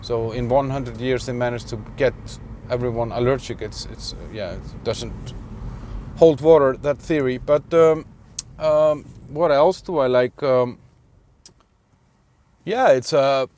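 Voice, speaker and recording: A man's voice: medium pitch, a little slow, a little mellow, slight background noise. A man from Iceland talking casually in a vlog, rambling with many fillers and restarts, sitting in a car. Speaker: vlogger.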